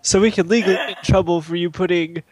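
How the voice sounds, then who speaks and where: A man chatting casually on a podcast, laughing often and talking haltingly with lots of fillers. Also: sits high, steady tone, crowd noise. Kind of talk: casual chat.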